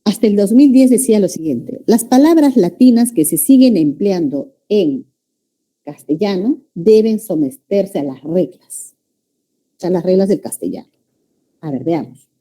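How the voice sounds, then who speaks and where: A woman's voice: medium pitch, expressive, a little slow, warm tone. A woman teaching a language class, lecturing students and often checking that they follow. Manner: addresses students as "jóvenes", checks understanding with "¿ya?".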